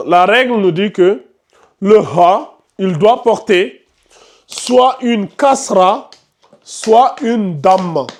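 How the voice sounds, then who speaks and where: Brief: high-pitched male teacher in a classroom, quizzes students, repeats terms. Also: animated, very slow, vocal fry, darkish tone. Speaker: Quran recitation teacher. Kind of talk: live classroom tajwid lesson.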